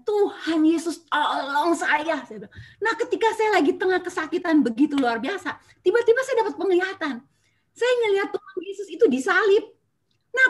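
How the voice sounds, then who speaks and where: A middle-aged woman giving a devotional talk and personal testimony on a video call, telling her stories expressively with frequent filler words. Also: high voice. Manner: expressive storyteller, many filler "ya" and "nah". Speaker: church speaker giving a testimony.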